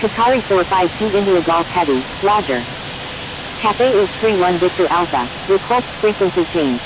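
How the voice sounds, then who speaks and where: A woman's voice: moderate pace, lightly acted. A woman voicing a formal flight simulator radio operator in clipped, procedural cockpit-headset phraseology. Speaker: air traffic controller and pilot radio voice. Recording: clear steady hiss and rumble.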